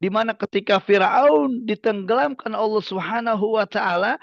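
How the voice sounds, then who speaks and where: A male Islamic preacher with a high voice, recounting a story and tossing rhetorical questions to his listeners. The sound is dry and close, with a slightly dull, lo-fi quality. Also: normal speed, creaky, no echo. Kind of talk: religious study lecture.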